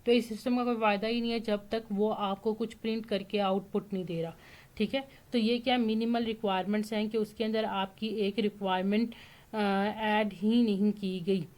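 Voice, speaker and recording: A woman's voice: mid-range voice, steady tone, moderate pace, a little mellow. A woman from Pakistan, giving a casual spoken lecture as an online tutor and often checking in with "theek hai". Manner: explains with frequent fillers and "theek hai" check-ins.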